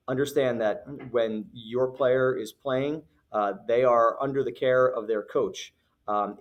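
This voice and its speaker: Firm, earnest man addressing parents. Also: mid-range voice. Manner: earnest, firm, with frequent fillers and restarts; repeats phrases for emphasis. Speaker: youth basketball league director. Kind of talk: recorded announcement to parents.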